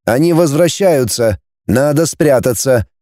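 A steady male android guardian, as a narrator puts him on, speaking in a measured monotone with a slightly raised, dark voice. Each word comes slow and level. The recording is dry and close. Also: medium pitch, no echo, lightly acted. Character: calm android male protector, flat voice.

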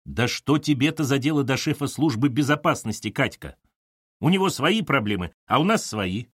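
A gruff, blunt middle-aged man who coaxes and needles, as a male narrator puts him on. His delivery swings with lively pitch, recorded close and dry. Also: normal speed, no echo. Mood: pleading. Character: blunt older male colleague, gruff and pushy.

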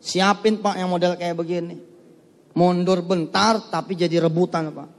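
A man's voice: high-pitched, little pitch movement, normal speed. A man from preaching to an audience in a humorous way, acting out short dialogues in different voices. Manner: acts out little dialogues, switching voices. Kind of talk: humorous religious talk to an audience. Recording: long hall reverb.

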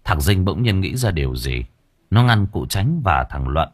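A man narrating an audiobook story in a dramatic, expressive way. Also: low-pitched, moderate pace, dry recording, studio quality.

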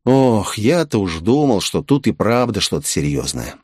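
A man's voice: fairly low pitch, very animated, moderate pace, a little mellow, dry recording, clean studio sound. A man reading an audiobook in the first person, curt and cold. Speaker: audiobook narrator. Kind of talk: audiobook narration.

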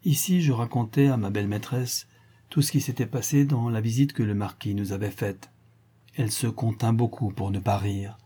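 Husky-voiced man narrating a classic novel. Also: on the low side. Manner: measured, expressive reading with dramatic pauses. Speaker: audiobook narrator. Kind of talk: literary audiobook narration.

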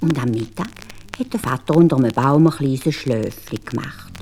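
A woman with a Swiss German accent telling a fairy tale in an expressive, animated way. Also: extremely low pitch, normal speed, gravelly, noisy background. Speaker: storyteller.

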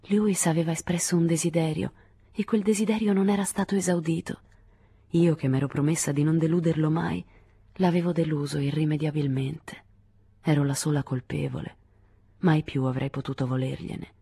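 A woman reads a literary novel aloud in a low, dark voice with a husky, breathy grain. Her delivery is measured and intimate, in the first person. The recording is close and dry, with no room sound. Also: fairly even intonation, no room sound. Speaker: audiobook reader. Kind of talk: literary audiobook narration.

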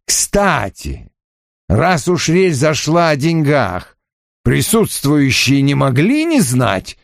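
A man voicing a stern, commanding male detective who speaks in a dry, measured way. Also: a little high, very animated, creaky, no echo, pitched above the performer's own voice, exaggerated voice. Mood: imperious.

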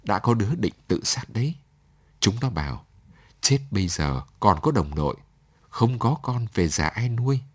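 A man's voice: lowish voice, animated, moderate pace, breathy edge. A man reading a story aloud, voicing a lonely young woman who pleads through tears and then turns firm. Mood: pleading.

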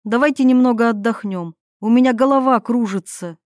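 A woman's voice: on the high side, fairly quick, no echo, studio quality, lightly acted. A woman reading a novel aloud, voicing an exhausted woman lost in a forest who pleads and questions. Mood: indignant. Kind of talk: audiobook character reading.

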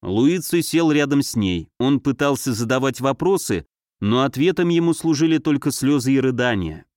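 A man's voice: mid-range voice, expressive, normal speed, darkish tone, dry recording. Man narrating a novel, dry sound. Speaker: audiobook narrator.

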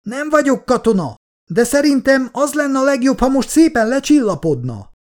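A man voicing a flustered male scientist who corrects people and shouts in a high, strained voice. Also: very animated. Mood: urgent, strained. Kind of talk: audiobook character voice.

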